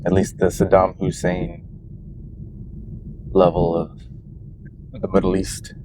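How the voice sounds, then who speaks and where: A man's voice: low-pitched, monotone, slow pace, noisy background. A middle-aged man rambling and musing aloud in a casual vlog, talking to the camera from his car. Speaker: vlogger. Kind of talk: casual driving vlog monologue.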